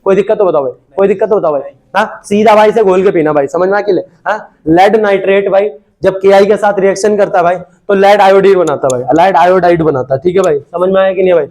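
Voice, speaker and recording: A man's voice: sits high, fast talker, few pauses, darkish tone. A man teaching a chemistry class to students, casual and joking, constantly asking whether they understood.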